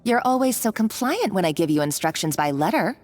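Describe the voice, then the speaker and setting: In a video game, an actress plays a scheming, taunting woman villain who is cruel and gloating, speaking in a bossy, condescending way. Her medium-pitched voice is very animated, fairly quick, and darkish in tone, with a light touch of acting.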